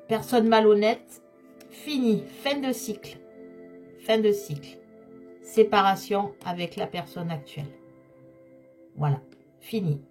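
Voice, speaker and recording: A slightly hoarse woman giving a tarot reading, speaking straight to her viewers and repeating key phrases for emphasis. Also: fairly low pitch, a little mellow. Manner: repetitive, emphatic, addresses viewers directly. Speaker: tarot card reader.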